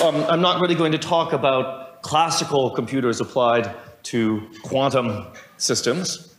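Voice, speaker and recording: A middle-aged man giving a university lecture, wandering through asides with wry humor and frequent self-corrections. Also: mid-range voice. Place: lecture hall. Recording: roomy lecture hall sound.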